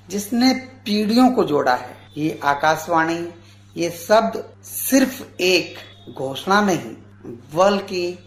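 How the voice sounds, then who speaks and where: A man in his forties speaks slowly and earnestly as a radio guest, each phrase measured and formal. His voice rings in an echoey room. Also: on the high side, fairly bright tone. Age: 40s. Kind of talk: formal tribute speech.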